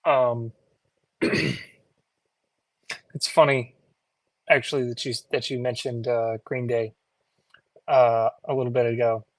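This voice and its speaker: A man telling a personal story casually, in a laid-back, halting conversational way. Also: mid-range voice, flat delivery, no echo, low-quality recording.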